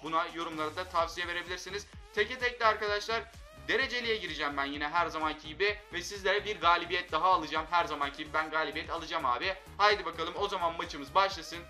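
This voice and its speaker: Young man, high-pitched, bright tone, excitable game commentary, frustrated outbursts, faint music behind. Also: fast, few pauses. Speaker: gaming channel host. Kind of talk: mobile football game commentary.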